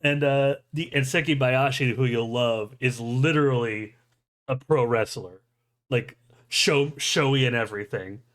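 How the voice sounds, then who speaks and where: A podcast host chats casually about anime in an average-pitched man's voice, unhurried and a bit bright. He rambles enthusiastically, doubling back as he explains, and little chuckles keep slipping in.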